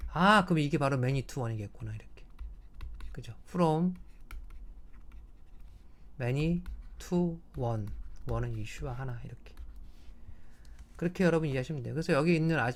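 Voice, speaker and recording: A man's voice: medium pitch, a little mellow. Man lecturing step by step. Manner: explains step by step, often asks "right?" to check understanding. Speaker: English linguistics professor. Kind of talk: recorded lecture.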